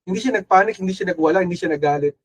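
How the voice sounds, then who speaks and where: A young adult man with a Filipino accent delivers a sermon in a high voice. He moves freely between Tagalog and English and gives voice to the people in his story. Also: rapid-fire, a little hiss or hum, low-quality recording. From Philippines. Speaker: pastor.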